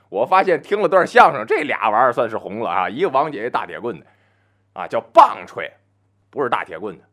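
A man telling a traditional folk story on his own, chatty and full of asides, slowing down to chant opening verse. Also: mid-range voice, fairly bright tone. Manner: chants verse slowly and grandly.

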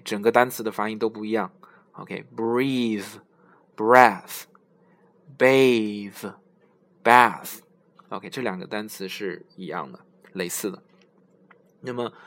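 A man giving a pronunciation lesson, explaining in Chinese and slowly modelling English words several times. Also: on the low side, fairly bright tone. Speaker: English teacher.

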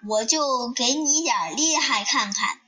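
A woman's voice: on the high side, a little slow, bright, forceful tone, slightly rough, full character voice. A woman voicing a bold, mischievous young boy hero in a storybook reading, defiant and cheeky.

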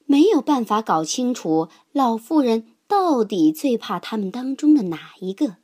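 Slow, expressive woman storyteller. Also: on the high side. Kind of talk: children's story narration.

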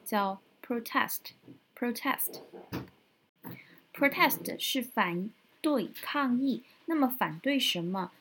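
Husky woman teaching English vocabulary. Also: a little high, rough recording. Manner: spells words out slowly and repeats them. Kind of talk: news-based English vocabulary lesson.

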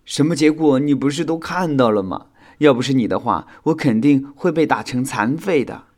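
A man's voice: mid-range voice, animated, normal speed, a little mellow, pitched above the performer's own voice, close to an everyday voice. A man voicing a clumsy, sulky male insect in a children's audio storybook, talking in a whiny, apologetic way.

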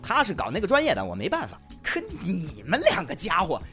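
A woman's voice: fairly low pitch, huge pitch swings, fairly quick, a bit bright, soft background music. A woman with hosting and narrating a comedy radio sketch, bickering in a mock-indignant way. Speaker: host and narrator.

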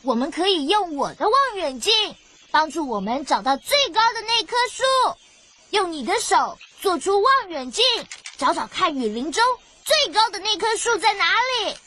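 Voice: very high voice, big pitch swings, moderate pace, bright, forceful tone, a little hiss or hum, exaggerated voice. A performer playing an eager, upbeat young boy animal rescuer in a children's cartoon, encouraging viewers and mixing in English words. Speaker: host guiding child viewers. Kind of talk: animated children's show dialogue, addressing viewers.

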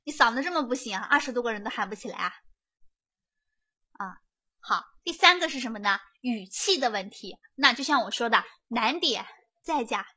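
A woman giving a lively prep lecture, chatty and often checking that students follow along. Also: on the high side, moderate pace, slightly rough. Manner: chatty, keeps asking students to confirm.

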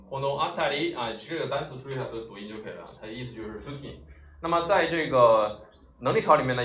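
A man teaching Japanese vocabulary, explaining each word and asking rhetorical questions, with many drawn-out "ah" fillers. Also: mid-range voice, a bit bright. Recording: roomy echo, mic at a distance, faint ambience.

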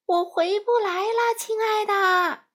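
A woman reading a storybook aloud, voicing a grand male wizard who calls out loudly from his balloon. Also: very high voice, completely flat delivery, drawn-out words, pitched above the performer's own voice, full character voice. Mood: calling farewell. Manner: loud, proclaiming.

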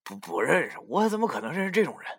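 A man puts on a sneering, two-faced young bully who spits his words with a twang. His voice jumps high and speeds up when he snarls. The lines are sharp and scornful. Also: big pitch swings, fast, breathy edge, exaggerated voice. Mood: contemptuous. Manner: contemptuous then snarling.

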